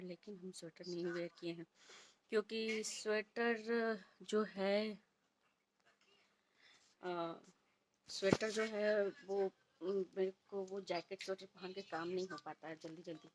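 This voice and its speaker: A woman in her thirties chatting softly in a casual home vlog, recorded at home on a phone set a little way off. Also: lowish voice, steady tone, unhurried, slight background noise, low-quality recording. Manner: speaks softly and quietly. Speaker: vlogger and homemaker. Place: indoors at home. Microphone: phone placed a little way off.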